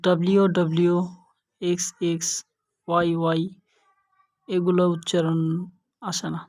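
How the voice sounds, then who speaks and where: Young woman, lower voice, very slow, careful lesson delivery. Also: monotone, darkish tone. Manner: slow, careful listing of letter pairs. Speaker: English teacher.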